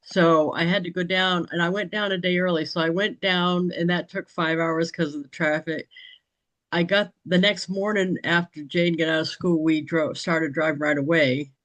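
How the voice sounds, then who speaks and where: A business training participant with a lowish, fairly bright voice talks at normal speed with fairly even intonation. In the group meeting she rambles casually, restarting often and laughing lightly, though the recording is low quality.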